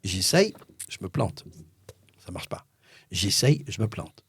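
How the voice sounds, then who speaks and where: A middle-aged voice-over man spinning a tale with theatrical flair, his voice swinging widely in pitch. The tone is slightly husky, close-miked and dry, with no room sound. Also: takes it slowly, dry recording. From France. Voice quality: expressive, theatrical storyteller. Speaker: voice-over artist telling his story as a guest. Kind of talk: animated anecdote-telling, acting out dialogue.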